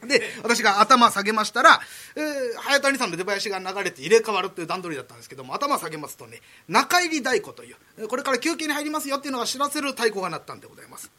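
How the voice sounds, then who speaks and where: Male rakugo storyteller, quick and humble-formal, laughs through his own tale. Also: extremely high pitch, very animated, sharp tone. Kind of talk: comic rakugo monologue before an audience.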